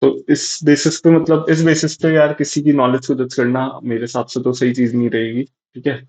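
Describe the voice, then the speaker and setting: A man's voice: mid-range voice, little pitch movement, moderate pace, darkish tone. A young man giving casual, rambling exam advice, full of fillers and restarts. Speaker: exam prep youtuber. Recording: slightly dull lo-fi audio.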